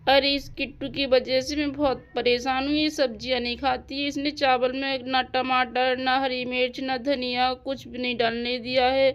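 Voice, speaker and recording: A woman's voice: high-pitched, level tone, moderate pace, few pauses, smooth, close to an everyday voice. A woman voicing a strict mother in a doll-house cartoon story, nagging and scolding her daughter.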